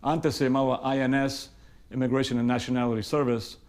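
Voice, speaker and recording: Middle-aged male immigration lawyer from Ecuador, measured explainer, slows down for key terms, mid-pitched voice. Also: steady tone, a little mellow. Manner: mixes English legal terms into Spanish. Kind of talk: explainer talk to camera.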